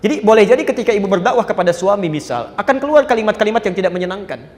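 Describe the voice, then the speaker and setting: A male preacher delivering a sermon to a congregation, animated and acting out quotes in different voices. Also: very fast. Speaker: Islamic preacher. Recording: echoey hall with long reverb, faint rumble.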